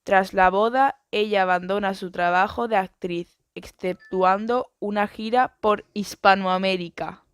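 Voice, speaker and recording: A woman reading an educational biography and book summaries in a steady, even narration. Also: medium pitch, measured pace, clean tone, dry recording.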